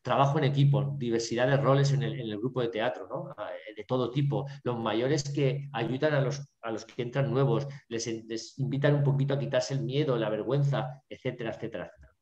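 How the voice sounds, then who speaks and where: Teacher lecturing over an echoey video call. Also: male voice, mid-range voice, a little fast, hardly any pauses, a little mellow, dull audio. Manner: filler-heavy, constantly checking in with "¿vale?" and "¿no?". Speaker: drama teacher giving a lecture.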